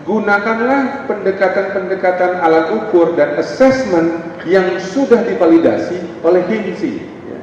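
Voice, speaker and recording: A man's voice: high voice, lively intonation, measured pace, a little mellow, slight background noise. Middle-aged male counselor, conversational seminar speaker, very roomy distant sound with faint ambience. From North Sumatra (Batak). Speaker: pastor and family counselor. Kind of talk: seminar talk. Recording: echoey hall, distant dull mic.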